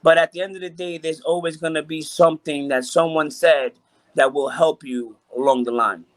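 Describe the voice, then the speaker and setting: This guest, a chief engineer at a hotel, comes from Puerto Rico and talks over a video call in a relaxed interview. His voice runs a little high, with fairly even intonation at a moderate pace. He keeps restarting sentences and repeating himself.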